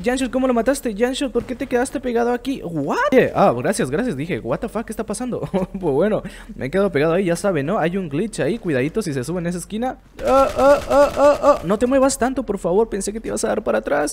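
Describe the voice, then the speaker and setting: Fast-talking excitable gamer man. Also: on the high side, a little hiss or hum. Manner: excitable, swearing, quick reactions. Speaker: gameplay streamer. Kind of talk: casual gameplay commentary.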